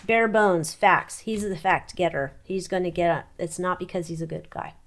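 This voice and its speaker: A woman giving an informal psychic tarot reading, thinking aloud in short, halting phrases and muttered questions. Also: lowish voice, fairly bright tone, a little hiss or hum.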